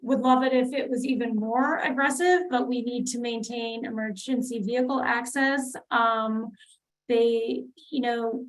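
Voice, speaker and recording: A woman with a fairly high voice walks a community meeting through a street plan. She talks haltingly, with frequent ums and self-corrections. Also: fairly even intonation, rough recording. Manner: hesitant, many fillers and restarts. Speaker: city transportation planner presenting. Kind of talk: public meeting presentation.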